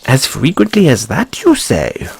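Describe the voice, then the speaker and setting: Guy doing a fussy curious rabbit boy for fantasy roleplay, super swoopy pitch, husky, polite and stammery. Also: huge pitch swings, a little slow, darkish tone, exaggerated voice. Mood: mysterious, intrigued. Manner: flustered stammering, ornate courteous phrasing. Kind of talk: audio roleplay addressed to the listener.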